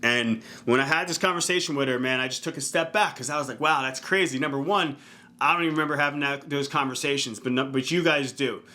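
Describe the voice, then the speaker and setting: A man's voice: medium pitch, fast talker, bright, forceful tone. A man in his thirties, a fitness coach, talks through a casual, earnest motivational talk, often checking in with "right?". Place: indoor room.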